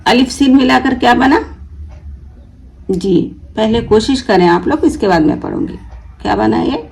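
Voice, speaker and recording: A woman's voice: fairly high pitch, expressive, normal speed, gravelly, darkish tone, low-quality recording. A woman teaching a reading lesson, who patiently sounds out letters and asks questions that she then answers herself. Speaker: Urdu teacher.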